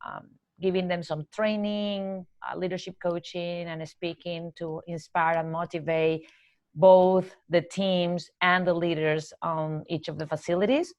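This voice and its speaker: A woman from Colombia with a Colombian accent, a corporate trainer and coach answering podcast interview questions earnestly and laying out her ideas in measured steps. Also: fairly low pitch, fairly even intonation, a little mellow, dry recording.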